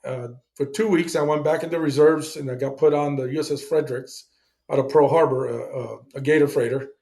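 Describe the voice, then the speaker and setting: Speaking briskly with fairly even intonation, the middle-aged Navy veteran guest recounts his service in a blunt, casual manner, full of swearing and acted-out exchanges. His voice is a little high and a little mellow.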